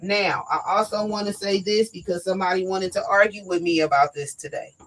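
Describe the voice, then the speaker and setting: A woman hosting a live talk show, talking directly and emphatically to her viewers, her voice going hoarse. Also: mid-range voice, fairly even intonation, a little fast, poor audio. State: losing her voice. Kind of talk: casual live-stream talk.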